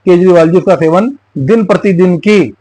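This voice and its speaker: A man hosts his channel, turning a folk tale into political commentary. He talks in a fairly high voice and leans on repetition for emphasis. The sound is dry, with no room around it. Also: moderate pace, warm tone, dry recording, poor audio. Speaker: YouTube channel host.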